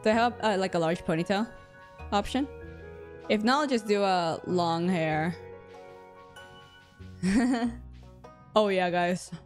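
A woman live streamer chatting with her viewers in a bubbly, talkative way. Her mid-pitched voice is a little raspy and hoarse from a cold coming on. Soft game music plays faintly underneath. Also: slow, long pauses. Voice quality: slightly raspy. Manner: bubbly and chatty, with frequent laughs and gasps. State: a bit hoarse from getting sick. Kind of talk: casual live-stream chat, reading chat aloud.

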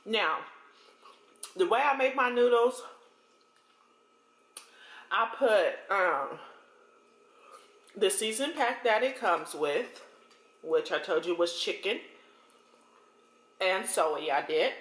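Slow-talking American woman chatting while eating. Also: mid-range voice, animated. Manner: chewing and eating while talking, in broken phrases. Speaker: mukbang host and vlogger. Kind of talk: casual eating-show chat. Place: home kitchen, indoors. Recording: roomy kitchen echo. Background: cutlery and dish clinks.

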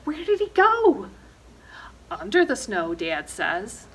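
A librarian in middle age sits in the reading corner of an indoor library, reading a children's picture book for storytime. Her voice is a little high and husky, with wildly swooping pitch and a slow delivery, and she gives the action words dramatic emphasis.

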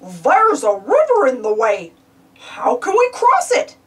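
Woman as a goofy male dog, lowered pitch, unhurried, puzzled, good-natured, cartoon storybook. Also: wildly swooping pitch, distant mic, exaggerated voice. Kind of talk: children's storybook character voice.

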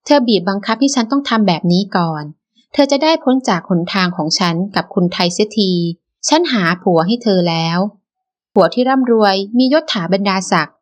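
A woman's voice: medium pitch, lively intonation, normal speed, natural voice. A woman voicing a scheming, spiteful young woman villain who talks in a sweetly mocking, sneering way.

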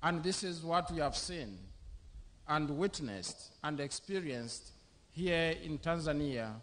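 A middle-aged man from Zambia, a bishop preaching a sermon at a podium microphone in an outdoor covered church venue, speaking in slow, measured short phrases. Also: on the high side, expressive, a bit bright.

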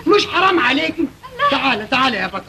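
An actor playing a greedy, bossy middle-aged shop owner who barks orders, with an Egyptian accent. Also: male voice, very high voice, sing-song, rapid-fire, a crowd in the background, heavily acted. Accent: Egyptian Arabic.

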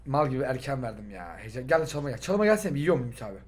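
A young man commentating a football video game with a friend, teasing him and shouting out the plays. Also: medium pitch, animated, quick pace, husky. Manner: teasing, shouting play-by-play, laughing. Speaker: gaming YouTuber. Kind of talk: excited gameplay commentary.

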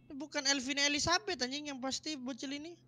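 A man's voice: very high voice, fairly even intonation, fast talker, bright, forceful tone. A man in a casual game roleplay, swearing a lot and cracking crude jokes.

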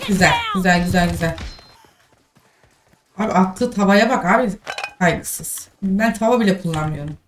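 Exasperated woman streamer, distant mic. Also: mid-range voice. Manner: exasperated, scolding, quick remarks. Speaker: game streamer. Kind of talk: live gameplay commentary. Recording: distant mic with game noise.

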